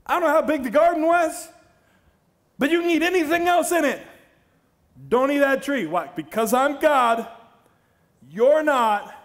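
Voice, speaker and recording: A man's voice: extremely high pitch, measured pace, pauses often. A middle-aged man preaching a sermon on a large church stage, telling stories and joking with the congregation. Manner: storytelling, animated, jokes with the congregation. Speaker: pastor.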